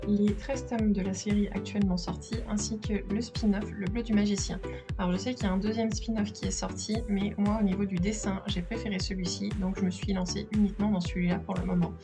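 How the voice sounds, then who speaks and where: A woman giving a casual, enthusiastic home vlog tour of her bookshelves in her living room, filming with a handheld camera and pausing with fillers as she talks. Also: medium pitch, little pitch movement. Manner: chatty, enthusiastic, filmed while handheld, with filler pauses. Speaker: manga collector vlogger. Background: background music.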